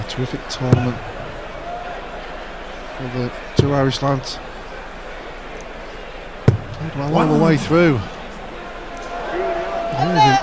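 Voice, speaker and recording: A male darts co-commentator with a fairly high voice. He talks conversationally and explains as he goes, with clear arena noise in the background. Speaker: sports co-commentator. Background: noisy darts arena.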